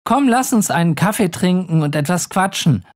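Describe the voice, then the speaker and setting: A narrator voicing a gentle father in a story, surprised by his son. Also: mid-range voice, animated, moderate pace, a little hiss or hum, natural voice. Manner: gentle, astonished. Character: warm, surprised father of a teenage boy.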